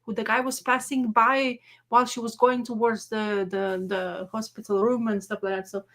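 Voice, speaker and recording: Animated woman in casual chat. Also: a little high, moderate pace. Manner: animated, trails off and restarts mid-sentence. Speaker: podcast co-host.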